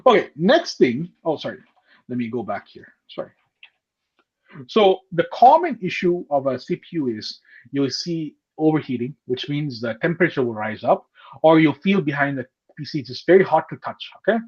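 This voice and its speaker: A man's voice: fairly high pitch, sing-song, moderate pace, darkish tone, breathy edge. A man teaching a live online computer class over a video call. He explains step by step and keeps checking in with "okay?" and "right?". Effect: heard over a video call. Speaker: computer course instructor. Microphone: laptop or headset mic on a video call. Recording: muffled video call audio.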